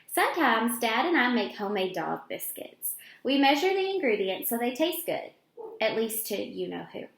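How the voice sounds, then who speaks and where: Her voice on the high side and gravelly, this elementary school teacher reads a picture book to young children in a sing-song way at a moderate pace, pausing for simple explanations. The room echoes and there's slight background noise.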